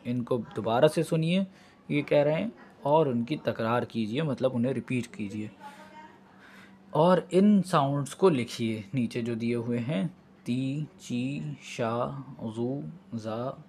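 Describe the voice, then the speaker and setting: A man's voice: medium pitch, animated, unhurried, darkish tone, a little hiss or hum. A man teaching a beginners' Persian lesson, patiently explaining exercises and repeating each letter sound. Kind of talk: step-by-step classroom explanation.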